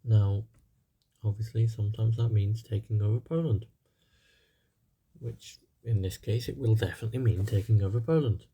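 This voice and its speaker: A young man talks casually over a strategy game, sounding a little tired and full of fillers. His voice is low, very dark and a bit husky. His pitch stays flat as he rambles on. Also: moderate pace. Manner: rambling, many fillers and hedges. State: slightly tired. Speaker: gaming channel host.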